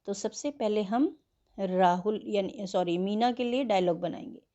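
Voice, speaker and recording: A woman teaching an English worksheet, slowly spelling words letter by letter and explaining them in Hindi. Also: medium pitch, dark tone, dull audio. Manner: slow and patient.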